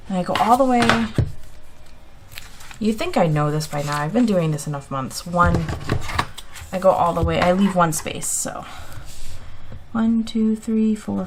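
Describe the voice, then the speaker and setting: A chatty woman talks her way through a planner layout, counting boxes out loud and laughing at her own mistakes. Her voice sits at an ordinary middle pitch, and a faint hiss runs under it. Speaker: planner vlogger. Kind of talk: casual chat while drawing a planner layout.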